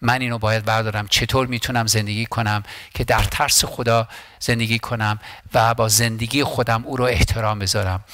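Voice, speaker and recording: A man's voice: fairly low pitch, level tone, fairly bright tone, no echo. A man preaching a sermon as pastor, impassioned and emphatic, repeating phrases and often restarting words.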